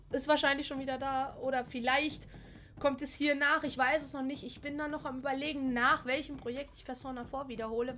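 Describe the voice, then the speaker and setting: A woman's voice: high voice, a bit bright, a little hiss or hum. A woman giving casual, enthusiastic let's-play commentary while she finishes a game, gushing and chatty. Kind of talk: casual commentary over gameplay.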